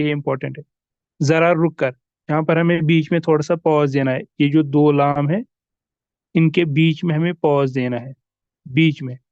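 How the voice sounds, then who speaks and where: A man's voice: fairly high pitch, a little mellow, smooth, no room sound, lo-fi sound. A man teaching tajweed in a recorded lesson, patiently repeating examples and asking and answering his own questions. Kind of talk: recorded lesson explaining rules.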